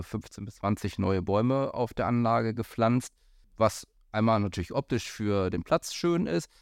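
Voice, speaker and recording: Low, smooth-voiced man chatting hesitantly. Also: no echo, clean studio sound. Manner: hesitant, many fillers and restarts. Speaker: golf pro and podcast host. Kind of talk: casual podcast chat. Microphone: studio microphone.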